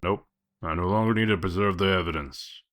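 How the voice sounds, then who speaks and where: A man playing a sardonic werewolf lawman in a comic dub, dry, deadpan and full of authority. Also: deep voice, brisk. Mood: brisk, commanding. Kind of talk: dramatic comic-dub voice acting.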